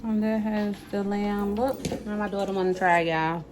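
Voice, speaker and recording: A woman's voice: medium pitch, fairly even intonation, moderate pace, noisy background. Chatty woman cooking at home. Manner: chatty, repeats "right?" and "y'all". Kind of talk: casual cook-along chat. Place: home kitchen. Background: background music.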